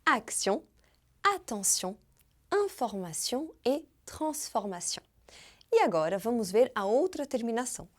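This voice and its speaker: A woman giving an online French lesson, demonstrating pronunciation slowly and clearly and talking to the viewer in a chatty way. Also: a little high. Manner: lively and chatty, asks the viewer questions. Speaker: French teacher.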